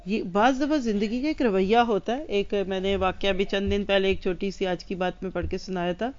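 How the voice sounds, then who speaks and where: A woman's voice: medium pitch, darkish tone, highs cut off. A woman religious teacher giving a lesson to women, speaking earnestly and addressing her listeners directly.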